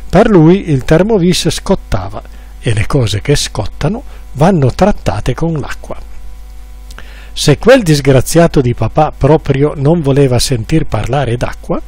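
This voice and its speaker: A man's voice: a little high, darkish tone, husky. A man narrating a humorous literary story with dry irony, now and then acting out the quoted lines.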